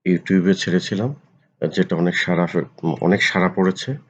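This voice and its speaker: A man, a lecturer giving a pronunciation lesson, repeating each word slowly, sometimes syllable by syllable. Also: low-pitched, a little mellow, breathy edge. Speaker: Bengali lecturer. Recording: dull lo-fi recording.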